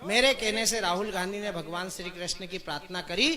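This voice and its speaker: A man's voice: high-pitched, fairly quick. A man from Madhya Pradesh, performing as a comic poet, who teases the audience between verses. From Madhya Pradesh, India. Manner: teasing banter with the audience. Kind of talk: stage comic poetry recital. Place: live stage before an audience. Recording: live stage with loud audience.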